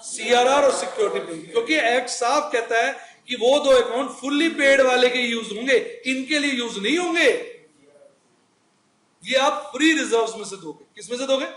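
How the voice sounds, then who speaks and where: A man's voice: very high-pitched, moderate pace, fairly bright tone. A male accounting teacher giving a chatty recorded lecture, asking the class questions and answering them himself. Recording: echoey room.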